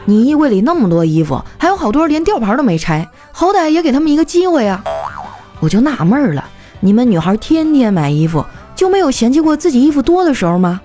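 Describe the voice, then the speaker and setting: A woman's voice: high voice, big pitch swings, fast talker, warm tone, faint music behind. A woman voicing a young man, a stingy boyfriend who answers with dry jokes. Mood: wry.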